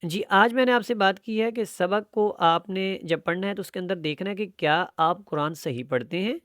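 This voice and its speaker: A male Quran teacher gives a tajweed lesson, recorded dry and close with no room sound. His voice is smooth and resonant. He moves between brisk explanation and slow, stretched-out recitation. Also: high-pitched, fairly bright tone, no echo. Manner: explains quickly, then recites verses slowly and drawn out.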